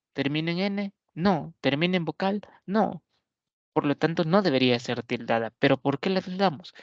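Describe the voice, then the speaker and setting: A male teacher giving an explanatory grammar lesson, asking rhetorical questions, answering them himself, and saying example words slowly. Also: mid-range voice, no room sound. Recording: dull lo-fi dry recording.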